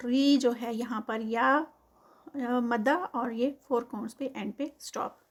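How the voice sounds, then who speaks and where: A woman teaching tajweed, reciting phrases slowly and drawn out, then explaining the rules quickly and plainly. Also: high voice, darkish tone.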